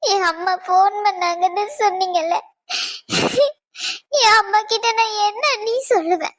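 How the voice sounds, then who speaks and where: A tearful young cartoon wife , voiced by a woman, pours out her hurt in a very high, thin voice. She pleads between sobs, and her voice keeps breaking. Her grief is raw. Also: fairly even intonation, measured pace, a bit bright. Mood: sobbing. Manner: sobbing, pleading confession. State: crying. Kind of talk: cartoon voice acting.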